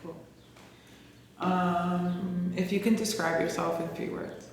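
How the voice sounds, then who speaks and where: Male interviewer, flat gravelly delivery, halting questions, echoey room. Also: sits high. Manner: halting questions, short "cool" replies. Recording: roomy reverberant space with faint noise.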